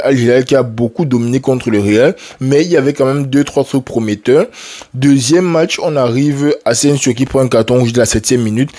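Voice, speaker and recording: A man's voice: mid-range voice, darkish tone. Chatty man breaking down a match. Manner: conversational, drops English words like "like", frequent restarts. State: a little sick, coughing. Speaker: football analyst, video host. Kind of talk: casual match debrief monologue.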